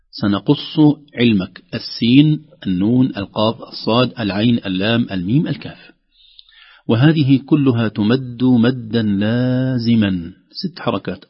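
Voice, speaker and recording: A man's voice: medium pitch, slightly rough. A man teaching Quran recitation on the radio, explaining step by step and drawing out sounds to demonstrate them. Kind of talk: radio tajweed lesson. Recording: dull lo-fi radio audio.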